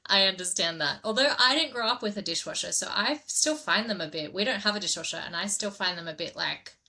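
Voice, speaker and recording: A woman hosting a podcast in a relaxed, chatty way, laughing easily and dropping into soft asides. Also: mid-range voice, fast talker. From grew up in southern India. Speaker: podcast host. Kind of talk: casual podcast chat.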